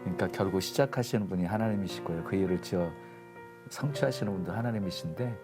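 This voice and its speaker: A man, a pastor, co-hosting a faith talk show and summing up in a calm, preacherly way. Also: deep voice, fast, music in the background.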